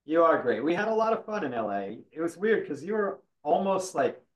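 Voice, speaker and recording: A man's voice: fairly high pitch, sing-song, fairly quick, rough recording. A man from the American South hosting a casual podcast chat, teasing his guest in an easygoing way. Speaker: podcast host.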